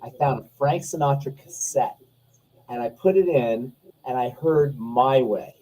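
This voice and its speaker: A man's voice: mid-range voice, measured pace, dark tone, a little hiss or hum, rough recording. A man speaking as a pharmacist guest in casual show chat, blunt and opinionated, joking around.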